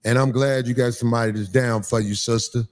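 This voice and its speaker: A man hosting a livestream, telling stories in casual chat with animated, profane delivery. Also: mid-range voice, fast. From Chicago, Illinois. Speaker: livestream host.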